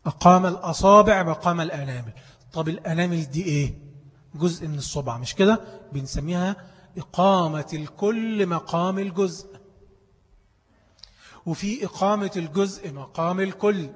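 A male teacher with an Egyptian Arabic accent talks fast in a high, husky voice. He keeps quizzing the class and supplying the answers himself. The sound carries a long reverb, as if he is in a big hall. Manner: quizzes listeners, then answers his own questions. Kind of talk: classroom lesson.

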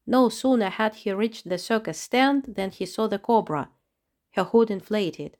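Woman, children's storybook narration, steady, clear reading, middle pitch. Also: unhurried.

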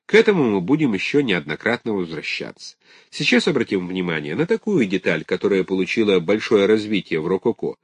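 A man reading a scholarly text on garden art aloud, in a measured, lecture-like way. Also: sits low, very animated, breathy edge, no echo. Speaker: audiobook narrator.

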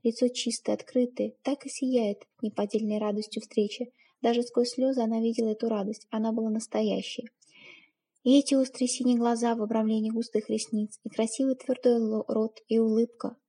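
A woman reads an audiobook with expressive, intimate storytelling. Her voice is husky and gravelly, with a dark, mellow tone and a higher pitch. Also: brisk. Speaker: narrator. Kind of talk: audiobook narration.

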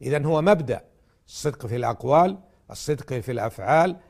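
A man's voice: medium pitch, animated, fast talker, gravelly, a little mellow. A man giving a religious talk in formal standard Arabic, teaching in a didactic way and setting out his points one by one. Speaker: religious programme host and lecturer.

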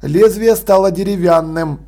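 A man narrating an audiobook in an expressive, lively storytelling manner. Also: high-pitched, measured pace. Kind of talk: audiobook reading.

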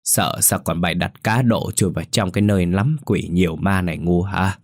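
A man puts on a gruff old ghost who keeps a graveyard, scolding and coarse, mocking the boy he scares. The voice sits very low and sounds close and dry, as if read for an audio ghost story. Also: steady tone, moderate pace, no echo, natural voice.

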